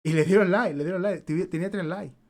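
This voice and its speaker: A man's voice: high-pitched, fast talker, darkish tone. Brief: young Spanish-man streaming a game, loose, rambling and swearing. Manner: rambling anecdotes, repeats himself, swears casually. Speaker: gaming streamer. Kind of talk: casual chat while playing.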